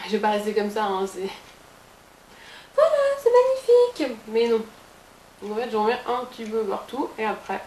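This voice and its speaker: A woman's voice: medium pitch, gravelly. A woman giving a casual makeup tutorial as a beauty blogger, chatty, with playful asides to her viewers. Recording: roomy with faint hiss.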